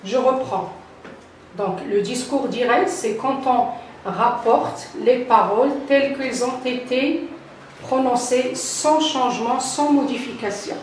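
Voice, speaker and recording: An older woman teaches grammar at an unhurried, deliberate pace, repeating each key term. Her voice sits a little high. It echoes around a bare room and sounds like it comes from a few steps back from the mic. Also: distant mic, a little hiss or hum. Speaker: French teacher. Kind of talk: classroom grammar lesson.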